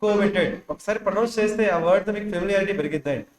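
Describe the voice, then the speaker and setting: A man's voice: high voice, rapid-fire, echoey room. A male teacher giving a classroom vocabulary lesson, drilling words and asking students again and again to repeat and write them down.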